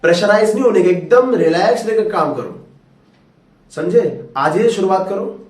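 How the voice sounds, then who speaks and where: A man's voice: sits high, animated, normal speed, a little mellow. A male tutor giving a coaxing, fatherly motivational talk to students, calling them "beta". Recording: roomy echo, far from mic.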